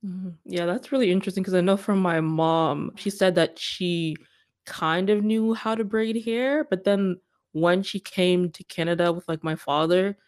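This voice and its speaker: A woman's voice: fairly low pitch, fairly even intonation, moderate pace, darkish tone. A young woman hosting an interview, chatting casually and reading scripted narration. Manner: casual, filler-heavy in chat. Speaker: host.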